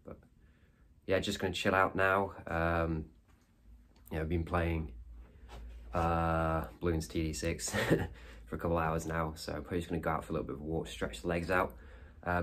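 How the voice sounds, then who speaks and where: A young Englishman chatting casually for a vlog in a halting, understated way. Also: deep voice. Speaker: competitive runner and vlogger. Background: loud music.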